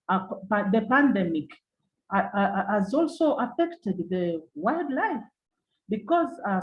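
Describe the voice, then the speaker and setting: Moderating a webinar over a video call, a Ugandan woman with a Ugandan English accent gives formal opening remarks, hesitating and repeating her points. Her voice is medium-pitched and somewhat dark, and the audio sounds dull.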